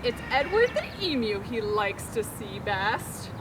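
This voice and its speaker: Storybook male emu, restless and keen, female narrator acting, very animated rhyming delivery, noisy backdrop. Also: on the high side, unhurried, voice pushed down. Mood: amazed, delighted. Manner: expressive, declaiming in rhyme.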